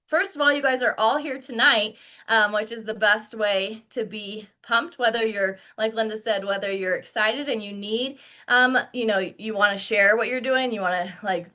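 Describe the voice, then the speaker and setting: Upbeat woman sales director, slightly high, bright voice, coaching a team. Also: moderate pace, hardly any pauses. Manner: upbeat, acts out quoted feelings. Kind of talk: motivational team training talk.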